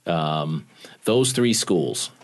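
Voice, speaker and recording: A man's voice: very deep voice, animated, extremely slow. A man telling a personal story in an interview, now and then quoting his father's words. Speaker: guest recalling his recruitment.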